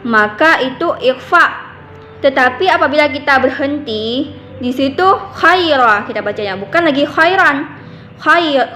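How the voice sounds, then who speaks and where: A young woman, a student, slowly explaining the rules of Quran recitation and correcting herself as she goes. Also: high voice, bright, forceful tone, echoey room. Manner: careful explaining with self-corrections, melodic chanting in recitation. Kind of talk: Quran tajweed lesson with recitation.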